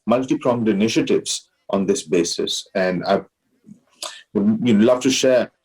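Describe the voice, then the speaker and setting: Husky, posh Indian man, lower-pitched. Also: measured pace, darkish tone, poor audio. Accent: educated, posh Indian English. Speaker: interview guest, alumni society president. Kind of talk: measured explanatory interview answers.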